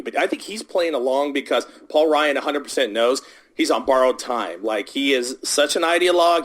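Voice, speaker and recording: A man hosting a political podcast in casual chat, rambling with many restarts and filler words. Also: fairly high pitch. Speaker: podcast host. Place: podcast studio, recorded in the US South.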